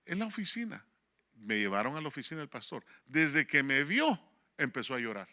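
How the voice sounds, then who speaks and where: A man's voice: mid-range voice, a little fast. A man preaching a sermon as a pastor, telling a personal story, acting out dialogue and calling listeners "brother". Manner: storytelling, animated, acts out dialogue, addresses listeners as hermano.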